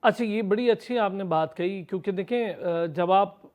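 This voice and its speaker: A man's voice: high-pitched, normal speed, darkish tone. A man from Pakistan with a Pakistani Urdu accent, interviewing an athlete on a TV sports show in long, multi-part questions full of praise.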